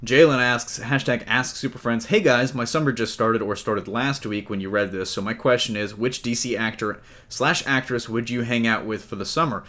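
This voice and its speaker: A man hosts a casual panel podcast about comic-book movies, joking around loosely and swearing now and then. His voice is medium-pitched and fairly bright, at a normal speed.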